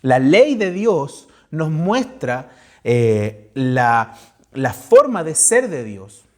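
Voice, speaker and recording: Earnest high-voiced Chilean pastor preaching. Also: male voice, very animated, drawn-out words. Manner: earnest, asks the listeners direct questions. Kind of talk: sermon.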